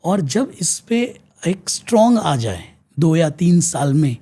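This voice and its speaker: Husky Indian man giving animated advice. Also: fairly high pitch, slow. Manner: earnest, lecturing, switching between Hindi and English mid-sentence. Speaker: guest, teacher and counsellor. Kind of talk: explanatory advice in mixed Hindi and English.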